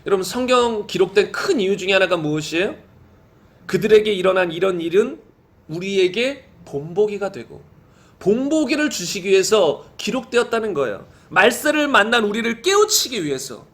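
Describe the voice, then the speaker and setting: A male pastor with a strikingly high, somewhat bright voice gives a Sunday sermon in a sing-song manner. He reads scripture slowly and solemnly, then drives his points home by putting rhetorical questions to the congregation again and again.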